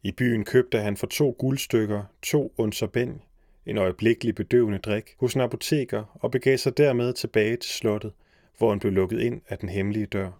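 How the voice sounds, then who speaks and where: Male narrator, storybook reading, measured, low voice, dry close sound. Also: darkish tone, no room sound. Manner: measured, old-fashioned.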